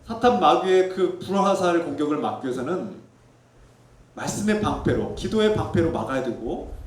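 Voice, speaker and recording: A male pastor preaching a sermon in earnest tones, sometimes quietly reflective and sometimes emphatic. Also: lively intonation, normal speed, recorded from a distance. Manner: softens to a low reflective tone for personal testimony. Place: church sanctuary. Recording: echoey church sanctuary.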